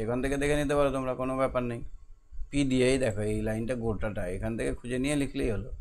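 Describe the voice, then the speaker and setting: Man teaching young kids. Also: mid-range voice. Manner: explains slowly, repeats words, drills pronunciation with children. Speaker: primary school teacher. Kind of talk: online homework class.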